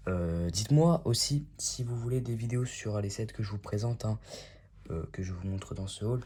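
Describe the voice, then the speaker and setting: A man hosts a casual unboxing video, chatty and enthusiastic as he shows off his boxes. His voice sits fairly low and sounds warm and mellow. There is a faint hiss behind him. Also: normal speed. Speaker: YouTube host.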